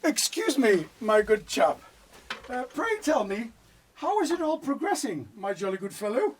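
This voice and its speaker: A man voicing a pompous upper-class English gentleman with stiff, affected formal phrasing. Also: very high voice, very animated, slow pace, husky, recorded from a distance, heavily acted. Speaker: comedy singer.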